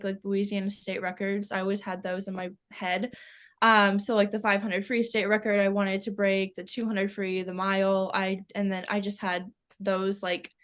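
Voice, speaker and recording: The speaker is a Canadian teenage girl, a swimmer being interviewed, who rambles chattily with many ums, likes and frequent laughter. She speaks at a medium pitch and normal speed, in a flat, slightly bright way.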